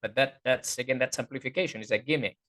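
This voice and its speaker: A man, a voice teacher being interviewed, talking casually and often pausing to search for words. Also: medium pitch, fairly bright tone. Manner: hesitant, searching for words, many fillers. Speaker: guest voice teacher.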